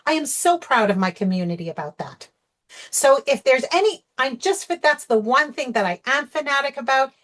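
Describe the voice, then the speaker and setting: A woman coach leading an online workshop over a video call, talking conversationally and checking in with "okay?" and "you know". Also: on the high side. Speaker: sugar-free recovery coach. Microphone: video call microphone.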